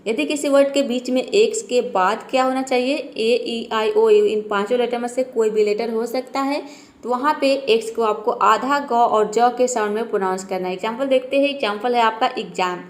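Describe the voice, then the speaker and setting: A woman with a fairly high voice gives a spoken English pronunciation lesson. She talks patiently, poses a question and then answers it herself, and repeats each example word slowly. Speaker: English teacher.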